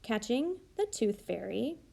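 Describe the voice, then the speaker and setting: A woman teacher slowly modeling how to write sentences for young children, thinking aloud and sounding out each word. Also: fairly high pitch, sing-song, creaky, darkish tone. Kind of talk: slow modeled writing demonstration.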